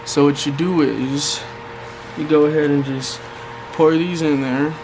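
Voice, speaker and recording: An American man with a slightly high voice chats informally through a home tutorial, addressing viewers in a relaxed, colloquial way. A fan hums clearly in the background of the recording. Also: unhurried. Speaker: vlogger giving a fishing bait tutorial. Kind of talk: casual how-to vlog chat. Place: hot room at home with a fan running. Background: fan noise.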